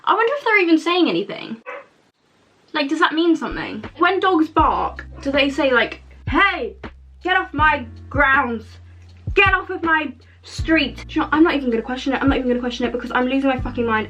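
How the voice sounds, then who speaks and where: In a warm bedroom at her makeup mirror, a seventeen-year-old girl talks through a get-ready-with-me vlog, rambling, swearing a lot, and poking fun at herself. Her high voice is expressive, fast, and a bit bright, the recording muffled with music in the background.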